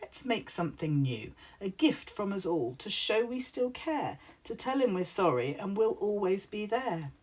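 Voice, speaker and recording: A woman voicing a slow, gentle snail in a storybook, speaking softly and slowly. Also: mid-range voice, big pitch swings, breathy edge, voice pushed up. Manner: slow, soft.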